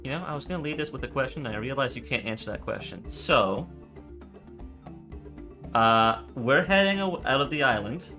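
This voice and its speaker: Man, tabletop player, bright forceful voice, rambling, excitable, faint music behind. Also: mid-range voice, moderate pace. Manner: rambling, self-interrupting, excitable bursts. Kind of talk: casual chat while playing a tabletop game.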